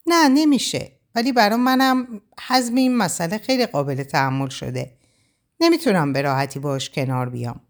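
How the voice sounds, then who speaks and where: A woman's voice: mid-range voice, animated, natural voice. A woman reading a novel aloud, voicing a distraught young woman who is crying and lashing out. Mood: despairing. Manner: sobbing, raised and pleading outbursts. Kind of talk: audiobook character voice.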